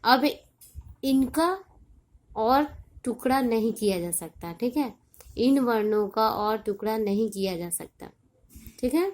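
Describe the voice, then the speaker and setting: A patient woman teacher from India speaks in a fairly high voice. She explains each point very slowly and deliberately, repeating herself and checking again and again that her young pupils follow. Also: a little mellow, slight background noise. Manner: slow, deliberate explaining with frequent checks for understanding. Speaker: primary school teacher. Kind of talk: recorded online class lesson.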